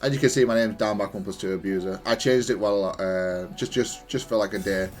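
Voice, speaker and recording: Talking briskly in a lowish voice, a gamer reviews his own fighting game replays with off-the-cuff, hesitant, stop-start explanations. Soft music plays in the background.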